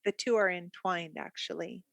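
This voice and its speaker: The voice is a middle-aged Canadian woman's, low-ish, gravelly, and fairly bright, with a steady tone and moderate pace. She's a guest art therapist in a podcast interview, speaking with a Canadian accent in an open, reflective, chatty way and laughing easily; the recording is dry and cleanly studio-made.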